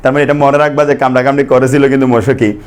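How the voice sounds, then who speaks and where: A man's voice: medium pitch, level tone, quick pace. A man teaching a biology class, joking and chatty, often asking students to answer or repeat after him. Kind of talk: playful classroom lecture.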